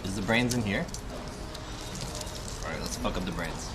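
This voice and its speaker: Dining solo in an indoor restaurant, a thirty-something man talks to his live-stream audience, rambling, cursing and frequently asking them questions. He speaks in a low voice at a moderate pace, over background noise and music.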